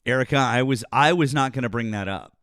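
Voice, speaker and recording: A man's voice: medium pitch, brisk, fairly bright tone, dry recording, clean studio sound. A man hosting a live stream, chatting casually and often repeating words as he searches for them. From northeastern United States.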